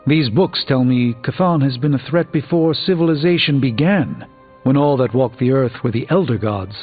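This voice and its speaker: A male actor voices a middle-aged sorcerer superhero in video game dialogue, a formal scholar who is articulate and drily wry, in a weary, sincere mood. His voice is medium in pitch, natural and at normal speed, with a thin phone-like sound over music.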